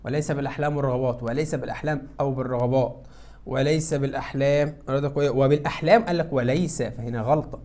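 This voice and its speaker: A man with an Egyptian Arabic accent teaching English to high school students, who asks questions and answers them himself. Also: fairly even intonation, racing, darkish tone. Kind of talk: classroom lesson explaining exam answers.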